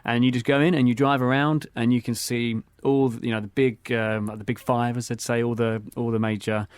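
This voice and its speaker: A man's voice: medium pitch, flat delivery, fairly quick, smooth, no room sound. A man co-hosting a travel podcast, telling stories in an easygoing way with lots of fillers. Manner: easygoing storytelling with frequent fillers. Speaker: podcast co-host. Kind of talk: casual travel chat.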